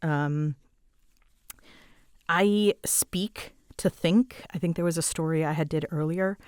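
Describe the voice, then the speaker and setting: A woman with a deep voice, a voice actress and host, rambles casually while answering audience questions. She speaks slowly but is animated, bouncy, dramatic, giggly and self-deprecating, like a storyteller. The recording is dry and clean, with a clean tone and studio sound.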